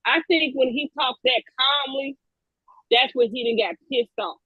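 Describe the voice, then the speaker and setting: A woman co-hosting a casual sports podcast, explaining her points in a measured way. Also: high-pitched, gravelly, slightly rough, dry recording, narrow, tinny audio. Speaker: podcast co-host.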